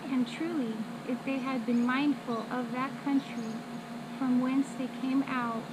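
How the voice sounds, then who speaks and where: A woman recites Bible verses by rote, as if from memory. Her voice sits a little high and moves very slowly, in short measured phrases separated by pauses. Loud noise runs behind her throughout the recording. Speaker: scripture reciter. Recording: loud steady background noise.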